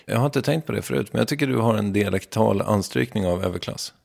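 Hesitant low-voiced Stockholm man. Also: vocal fry, darkish tone. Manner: hesitant, restarts often. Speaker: host, interviewer. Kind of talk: casual interview.

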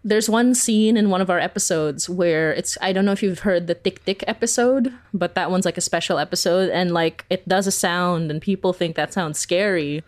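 With a lowish voice, a normal speed and hardly any pauses, a Filipina woman chats as an interview guest. A podcast creator, she's a giggly, animated storyteller who leans on "like" constantly.

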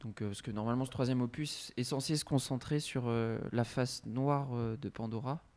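Male podcast co-host, mid-pitched, chatty and informal, lots of fillers. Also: steady tone, moderate pace, darkish tone. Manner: chatty, laughing, joking. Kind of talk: casual chat.

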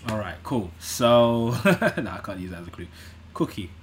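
A man co-hosting a podcast, giving quiz clues in a relaxed, giggly way. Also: lowish voice, normal speed, slight background noise. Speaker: podcast co-host. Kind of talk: casual chat.

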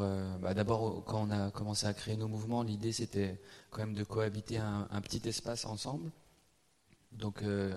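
Low, creaky, flat-toned man. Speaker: performance creator. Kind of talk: explanatory panel talk.

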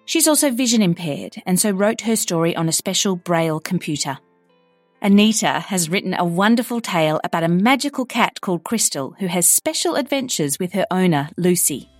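A woman's voice: lowish voice, no room sound. Woman hosting a kids' story podcast. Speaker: podcast host. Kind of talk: scripted introduction.

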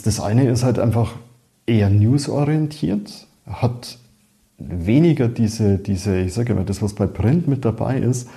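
A man's voice: medium pitch, gravelly, warm tone. A man, an expert jury lead, giving his view in a podcast panel discussion, thoughtful and often repeating words while he searches for them.

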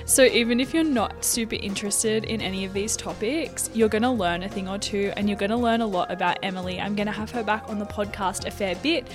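An Australian woman hosting a podcast in a casual, effusive, giggly way with plenty of swearing. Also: medium pitch. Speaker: podcast host. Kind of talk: casual chat.

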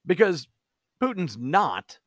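A man's voice: high voice, big pitch swings, takes it slowly, fairly bright tone, no echo, studio quality. A man delivering an emphatic, opinionated commentary monologue.

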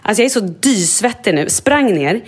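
A woman with a mid-range voice co-hosts a podcast from a quiet hotel makeup room. She tells stories excitably and acts out both sides of the dialogue. Her tone is that of a casual chat between friends. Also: mid-range voice, husky. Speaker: podcast co-host.

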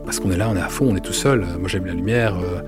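A man, telling personal stories in an earnest, halting way with many fillers. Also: sits low, over music. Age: 40s. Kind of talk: casual testimony.

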